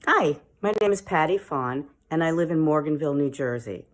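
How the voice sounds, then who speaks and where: A woman's voice: low voice, expressive, moderate pace. A middle-aged woman, a volunteer literacy tutor, giving an upbeat, eager video message about her work.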